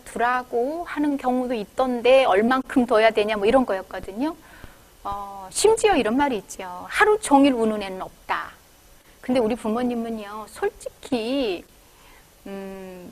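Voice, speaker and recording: A woman parenting counselor giving an online talk to fathers, answering questions and acting out what parents and children say. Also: on the high side. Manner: lively, acts out parent and child lines in quotes.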